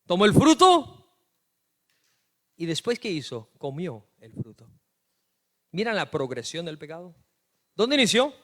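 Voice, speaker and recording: A man preaching a sermon as pastor, telling stories and swinging from hushed asides to loud emphatic lines. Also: sits high, sing-song, measured pace, long pauses.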